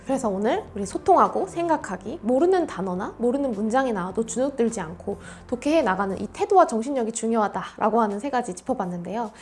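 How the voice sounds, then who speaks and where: A woman's voice: on the high side, animated, fast talker, hardly any pauses, faint music behind. A woman teaching an exam-prep English lesson in an emphatic, coaching way. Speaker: English tutor.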